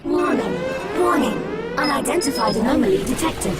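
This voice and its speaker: A woman's voice: high voice, big pitch swings, normal speed. An actress playing a female spaceship computer in a video game, giving blunt, clipped alert announcements. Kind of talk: animated game voice acting. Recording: loud music over the voice.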